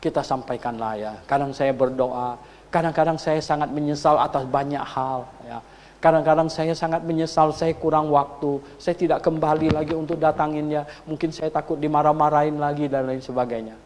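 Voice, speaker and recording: Indonesian pastor preaching in an echoing hall. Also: male voice, fairly even intonation, moderate pace, slight background noise. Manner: storytelling, asks the congregation for agreement; rises to loud, high emphasis. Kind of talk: sermon. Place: church hall. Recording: long hall reverb.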